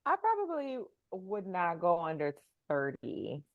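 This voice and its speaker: A woman's voice: lowish voice, huge pitch swings, measured pace. Muffled woman in her forties, as through a wall. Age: 40s. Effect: muffled, as if heard through a wall, hand covering the mic. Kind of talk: casual chat. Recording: muffled remote mic.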